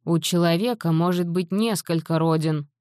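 A woman voicing a calm, measured old grandfather. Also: no room sound, clean studio sound, lightly acted. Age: older. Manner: low, slow, measured.

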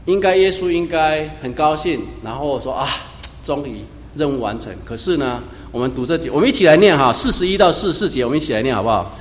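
Pastor guy preaching, voice jumps all over, kinda high, echoey church hall. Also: fast, slight background noise. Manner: animated preaching, rising emphatic lines then low quiet asides. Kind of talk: sermon.

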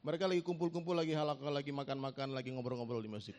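A man preaching a lively storytelling sermon, giving his own testimony and acting out the dialogue while joking with the audience. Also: medium pitch, rapid-fire.

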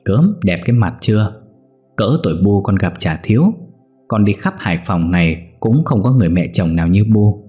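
A man voicing a crafty young daughter-in-law who needles her mother-in-law in a sly, brisk voice. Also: fairly low pitch, big pitch swings, mellow, faint music behind. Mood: brisk retort.

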